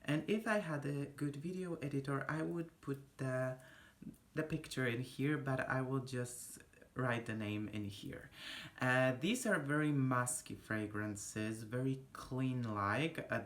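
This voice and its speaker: A young Polish vlogger with a Polish accent and a mid-range voice chats casually to camera, slow and unhurried, rambling and cutting herself off mid-thought. It sounds close and informal, filmed on a phone held at arm's length in a small indoor room.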